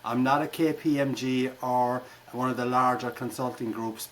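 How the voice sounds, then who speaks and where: A middle-aged or older Irish man, a keynote speaker, answers interview questions conversationally with wry, jokey turns of phrase. His voice is mid-range, and the audio is poor with slight background noise.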